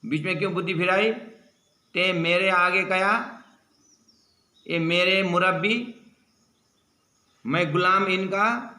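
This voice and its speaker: A man's voice: a little high, expressive, a little fast. Man putting on a furious club-wielding man. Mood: threatening. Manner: shouting, scolding, demanding. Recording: echoey room.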